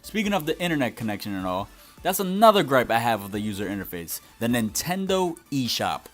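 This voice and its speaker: A man's voice: medium pitch, very animated, a little fast, soft background music. A young man giving a scripted but conversational video game review as its host.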